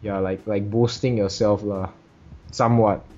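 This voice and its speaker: Man, young adult, casual podcast host, halting, swears casually, muffled sound. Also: lowish voice, fairly even intonation, dark tone, a little hiss or hum.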